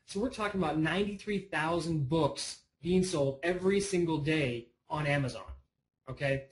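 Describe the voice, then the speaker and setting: A man's voice: a little high, normal speed, rough recording. A man presenting a casual online lesson, chatty and rambling, often breaking off on side notes. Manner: rambling, chatty, self-interrupting.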